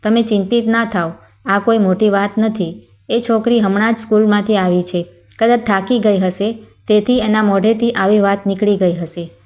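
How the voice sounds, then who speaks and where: A woman voicing a caring, widowed older housekeeper who speaks softly and reassuringly in a storybook tale. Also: mid-range voice, fairly even intonation, normal speed, natural voice.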